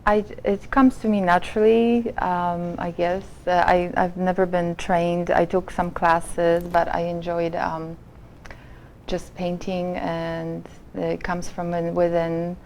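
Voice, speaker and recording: Low, gravelly-voiced woman painter. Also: level tone, a little hiss or hum, low-quality recording. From Poland. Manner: soft-spoken, halting, with fillers and restarts. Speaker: painter and nurse interviewed as guest. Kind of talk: casual interview talk.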